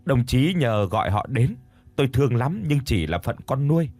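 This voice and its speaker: A man's voice: medium pitch, big pitch swings, normal speed, darkish tone, no echo. A man voicing a grieving adopted son, tearful and pleading, in a narrated ghost story. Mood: urgent. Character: grieving adopted son, middle-aged husband.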